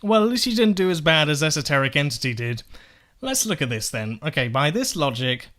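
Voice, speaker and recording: A young male political video essayist rebuts clips with sarcastic, profane commentary, firing off one rhetorical question after another. His voice is a little high and a bit bright, with a brisk, sing-song delivery.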